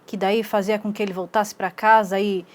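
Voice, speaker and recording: A woman's voice: mid-range voice, flat delivery, moderate pace. A woman interviewer asking hesitant, searching questions.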